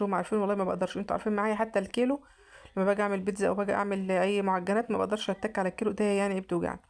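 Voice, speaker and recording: Egyptian woman vlogger, very quick, chatty home-cooking voice-over, trips over her words. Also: mid-range voice, darkish tone. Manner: chatty, repeats and restarts often. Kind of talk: casual cooking narration.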